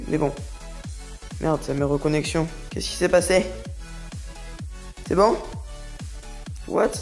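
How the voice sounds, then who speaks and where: A young host records a casual screen tutorial, walking through a phone app one step at a time. His medium-pitched voice has a darkish tone, and he chats and rambles with plenty of hesitations.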